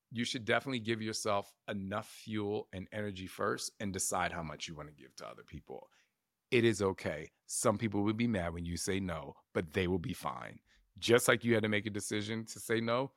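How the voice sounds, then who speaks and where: A man's voice: on the low side, fairly bright tone, no room sound, studio quality. A middle-aged man hosting a self-help podcast, talking casually with lots of "like" and asking listeners reflective questions. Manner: casual, conversational, full of "like" and asides, coaching listeners with questions. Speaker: podcast host.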